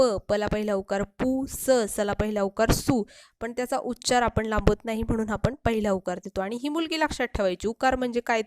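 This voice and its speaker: A woman's voice: on the high side, darkish tone, no room sound. Patient woman teaching spelling, dry sound. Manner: patient, explains slowly, repeats syllables and stretches sounds. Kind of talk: spelling lesson for children.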